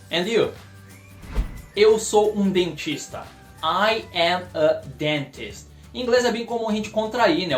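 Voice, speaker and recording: Man, Brazilian accent, English teacher, slow drawn-out example phrases, roomy echo, faint music behind. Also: high-pitched. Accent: Brazilian Portuguese. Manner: slow, drawn-out English model phrases between lively Portuguese explanations. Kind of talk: online English lesson.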